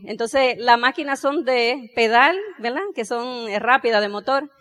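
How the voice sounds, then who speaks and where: A middle-aged woman tells a personal story to an audience. Her voice sits a little high, and she is animated, playing out the exchanges as she goes. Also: a little slow. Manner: animated, acts out dialogue, laughs while telling. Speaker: speaker telling her life story.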